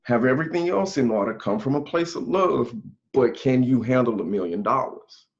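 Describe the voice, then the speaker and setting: A man's voice: mid-range voice, animated, moderate pace. A forty-year-old man co-hosting a podcast, speaking earnestly in casual conversation and thinking aloud as he goes. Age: 40s. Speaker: podcast co-host. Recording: dull lo-fi sound.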